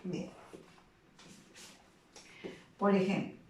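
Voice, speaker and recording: A woman's voice: extremely slow, a little mellow, recorded from a distance. A woman teaching a secondary school grammar lesson, explaining patiently and checking in with frequent tag questions. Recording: echoey room, voice off the mic.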